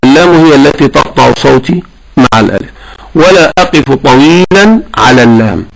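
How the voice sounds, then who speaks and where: A man teaching correct Quran recitation, explaining patiently and chanting verses slowly to demonstrate. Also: medium pitch, animated, gravelly, poor audio.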